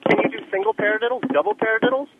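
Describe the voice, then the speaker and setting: A man's voice: very high-pitched, sing-song, rapid-fire, gravelly. A man calling in over the telephone from his car, a percussionist who bluntly and scornfully grills the guest with questions. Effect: heard over a telephone line from a car. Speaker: radio caller, trained percussionist. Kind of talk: combative call-in argument. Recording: narrow phone line with faint hiss.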